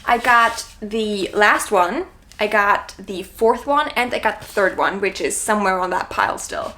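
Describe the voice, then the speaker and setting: A woman's voice: medium pitch, animated, a little slow, sharp tone. A woman chatting casually to camera as a vlogger, gushing and informal, with self-deprecating asides. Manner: gushing, effusive about the books she likes. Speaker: book vlogger hosting her own video. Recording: clear background noise, clicks.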